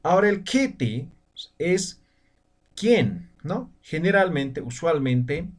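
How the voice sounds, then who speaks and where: A man's voice: fairly high pitch, sing-song, slow, distant mic. A man teaching a language lesson, patient and repetitive, often ending phrases with a questioning tag. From Bolivian altiplano. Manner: patient, repeats words and tags phrases with "¿no?". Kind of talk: slow video lesson.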